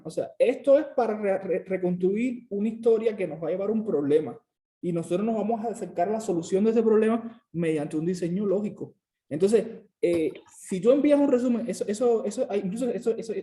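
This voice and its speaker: A man's voice: high-pitched, mellow. A man, a student presenter in a classroom discussion, speaking earnestly and often restarting his phrases.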